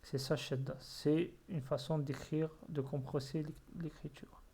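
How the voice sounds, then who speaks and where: Man teacher, slow and methodical, slightly high voice, patient repeats. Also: level tone, mellow, husky. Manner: patient, repeats words syllable by syllable. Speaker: Arabic reading teacher. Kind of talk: slow explanatory lesson.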